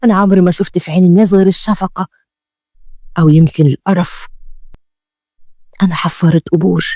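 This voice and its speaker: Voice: mid-range voice, warm tone, no echo, lightly acted. A storyteller with an Egyptian accent voicing a stubborn poor woman who digs graves, pleading and determined. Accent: Egyptian Arabic.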